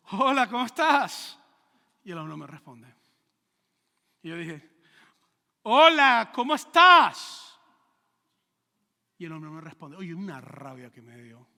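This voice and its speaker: A middle-aged male pastor preaching a sermon, animated, asking his listeners rhetorical questions and acting out stories. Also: sits high, long reverb tail. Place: church sanctuary.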